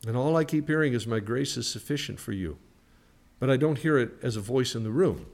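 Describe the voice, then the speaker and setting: A male pastor delivering a sermon, moving between loud, emphatic preaching and quiet storytelling, with rhetorical questions and acted-out quotes. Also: medium pitch, animated, brisk.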